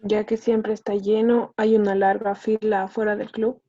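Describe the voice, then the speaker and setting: A woman student giving slow, careful translations in class. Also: mid-range voice, little pitch movement, warm tone, dry recording, dull audio.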